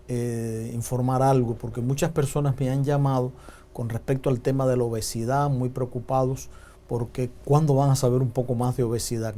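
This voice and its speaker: A man, a doctor appearing as a TV talk show guest, explaining medical topics in a calm, measured way. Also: medium pitch. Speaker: physician guest.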